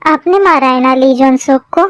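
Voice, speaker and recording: A woman's voice: sits high, normal speed, no room sound, lightly acted. A woman voicing a timid teenage schoolgirl in a Hindi fan-dub drama, pleading and easily brought to tears. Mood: earnest.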